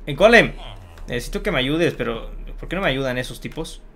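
A young man giving excited Minecraft gameplay commentary, shouting and pleading at the game and talking to his viewers. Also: mid-range voice, brisk, slight background noise. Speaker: gaming youtuber.

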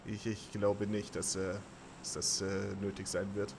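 A man commenting on his own online gameplay live, muttering quietly at times and breaking into panicked shouting and swearing, with self-mocking jokes. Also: fairly low pitch, monotone, a little slow, gravelly, noisy background. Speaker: streamer.

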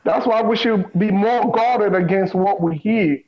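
A man with a high voice lays out his points with emphatic, sermon-like weight. He slows down to repeat his key lines. The recording sounds dull and lo-fi. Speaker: guest. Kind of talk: preachy conversation.

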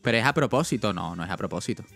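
A man's voice: lowish voice, expressive, very fast, fairly bright tone, faint music behind. A young man with a Spanish accent chatting casually on a livestream, rambling with lots of fillers and talking straight to his chat. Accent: Spain. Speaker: streamer.

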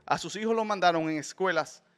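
A man's voice: sits high, a little fast, a bit bright, soft background music. A man, hosting a heated panel debate in a studio and speaking emphatically. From Dominican Republic. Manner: emphatic, gestures a lot, interrupts to steer. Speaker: host. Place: dark studio. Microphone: desk mic on boom arm.

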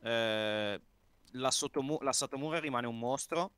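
Italian guy cohosting, chill short replies, mid pitch, dry sound. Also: a little slow, clean tone, no echo. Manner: short agreeing replies, relaxed. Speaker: wrestling show co-host. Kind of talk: casual live post-show chat.

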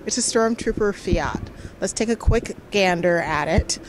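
A bubbly, excitable woman hosting an interview on a busy indoor show floor with a handheld mic. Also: mid-range voice, measured pace, a little hiss or hum. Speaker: host and interviewer. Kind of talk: enthusiastic auto show interview.

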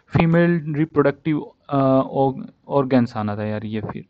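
A man's voice: mid-range voice, a little slow, dry recording. A male teacher giving a casual spoken vocabulary lesson, mixing Hindi with English and repeating each word over and over to drill its pronunciation. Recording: dull, dry, lo-fi sound.

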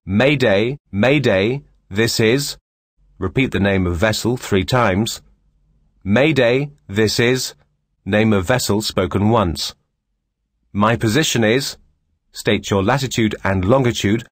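In studio-quality audio with no room sound, a course instructor with a lowish voice delivers scripted teaching narration. His reading is measured, formal and crisply enunciated.

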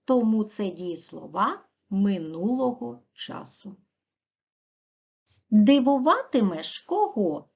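A woman teacher from Ukraine giving a recorded video lesson to children, speaking clearly and slowly and stressing word endings. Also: mid-range voice, big pitch swings, darkish tone. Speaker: primary school teacher. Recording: dull, muffled lo-fi audio.

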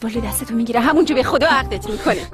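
A woman dubbing a teasing high-voiced girl. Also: music in the background, lightly acted.

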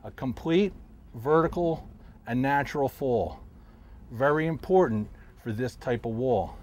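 A middle-aged man, a professional angler, calmly explaining his technique while fishing from a boat on a river, recorded outdoors on a lapel mic. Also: medium pitch, measured pace. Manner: calm, explanatory, talks while casting. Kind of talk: instructional fishing commentary. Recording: faint outdoor noise.

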